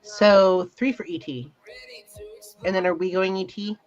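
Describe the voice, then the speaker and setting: A woman co-hosting a talk stream chats casually and giggles, her mid-range voice unhurried and fairly even in intonation. The stream is muffled and lo-fi, with music playing underneath.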